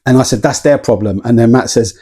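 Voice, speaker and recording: A man's voice: medium pitch, a little fast, dark tone. A man in a casual vlog, chatting and telling a story with plenty of ums and small laughs. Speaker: vlogger.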